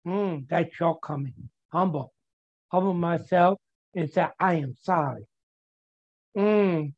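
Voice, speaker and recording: A man's voice: high-pitched, lo-fi sound. A man sharing at a twelve-step recovery meeting, stuttering and repeating words in simple, earnest phrasing.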